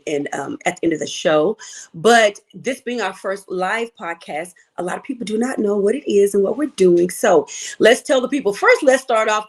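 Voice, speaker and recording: Middle-aged lady coach hosting a live podcast, upbeat, playful slang. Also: mid-range voice. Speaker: podcast host and life coach.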